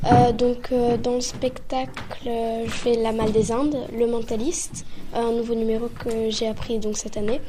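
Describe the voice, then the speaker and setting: A woman's voice: fairly high pitch, little pitch movement, normal speed. A female performer giving casual answers in an interview. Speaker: young magic show performer. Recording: clearly noisy background with clicks.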